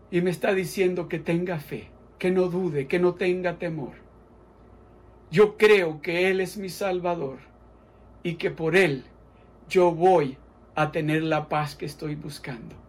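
Slow, high-voiced impassioned male preacher. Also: breathy edge. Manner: impassioned, moves between loud pleading and hushed prayer; leads the listener in repeated prayer lines. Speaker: pastor. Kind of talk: sermon with altar call.

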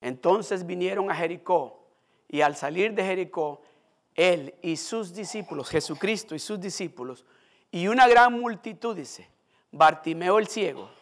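A man's voice: high-pitched, measured pace. A male pastor preaching a sermon, speaking emphatically and addressing the congregation directly.

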